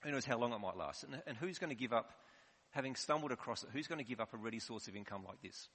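A man's voice: mid-range voice, lively intonation, quick pace, a bit bright, breathy edge. A man preaching a sermon in a conversational, explanatory way. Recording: long hall reverb.

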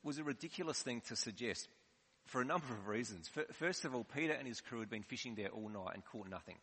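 A man's voice: mid-range voice, expressive, fast, fairly bright tone, breathy edge. A man preaching a sermon in a conversational, explanatory way. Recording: long hall reverb.

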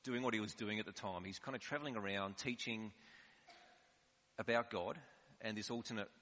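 A man's voice: fairly low pitch, moderate pace, a bit bright. A man preaching a sermon in a conversational, explanatory way. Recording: long hall reverb.

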